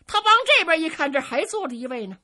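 A woman storyteller with a Beijing accent, telling a traditional tale in a lively, vivid way and switching between character voices. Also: very high voice, fast. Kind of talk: traditional Chinese pingshu storytelling.

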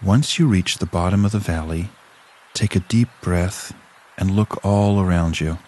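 In a deep voice, a man narrates a scripted guided relaxation exercise. He sounds calm, soothing, and measured, leaving long pauses.

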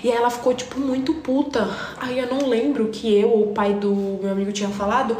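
A young woman, telling a story to her live stream viewers in an animated, slangy way. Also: fairly high pitch, a little fast, roomy sound, a little hiss or hum. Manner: animated, slangy, addresses chat directly.

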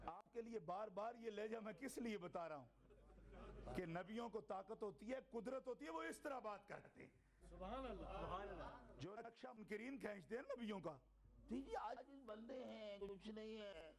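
A man with a high voice preaches to a gathered audience in a fervent, theatrical sermon. He acts out quoted lines, teases his listeners, and climbs to shouts at the peaks. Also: animated, a crowd in the background. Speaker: religious speaker at a Milad gathering. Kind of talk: impassioned Urdu sermon. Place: gathering hall with live audience.

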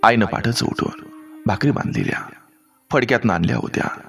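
A man's voice: fairly low pitch, expressive, normal speed, creaky, a bit bright, breathy edge, soft background music. A man telling a village story as a memory, in vivid, descriptive narration.

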